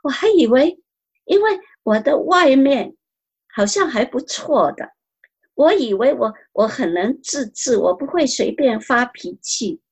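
Woman telling her faith testimony, earnest, repeats herself a lot, kinda high breathy voice. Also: big pitch swings, unhurried. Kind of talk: spoken personal testimony.

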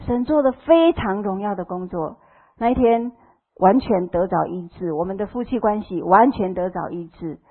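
A middle-aged woman with a Taiwanese Mandarin accent gives her testimony to a church audience, her voice husky and breathy. She tells her story with feeling and plays out every bit of dialogue. The sound is thin and tinny, like a phone line. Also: mid-range voice, animated, moderate pace. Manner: emotional storytelling, acting out quoted dialogue. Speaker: church member giving testimony. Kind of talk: personal testimony to a congregation.

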